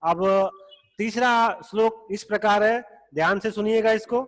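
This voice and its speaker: A man teaching a Sanskrit class over a video call, explaining slowly and patiently, repeating each point. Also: high voice. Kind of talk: online class lecture. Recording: long echoey reverb.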